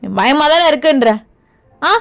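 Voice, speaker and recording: A woman voicing a ruthless young male king who talks in a low, slow, possessive murmur in a fan audio drama, over faint music. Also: expressive, creaky, exaggerated voice. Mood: fierce.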